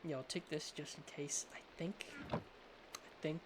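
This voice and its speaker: A man's voice: on the high side, fairly even intonation, measured pace, very noisy. A man with a lisp giving casual, rambling game showcase commentary, often hesitant and unsure of himself. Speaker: gaming video host.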